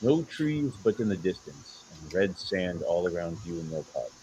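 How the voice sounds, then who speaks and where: A man improvising narration as game master of a tabletop game, telling it dramatically in halting short phrases. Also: sits low, very animated, warm tone, a little hiss or hum, poor audio.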